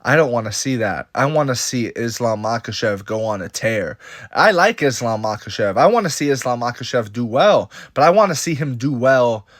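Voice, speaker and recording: A man's voice: mid-range voice, moderate pace, no echo. Opinionated man with dry close sound. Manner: animated, opinionated, repeats points. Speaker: MMA commentator. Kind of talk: casual opinion vlog.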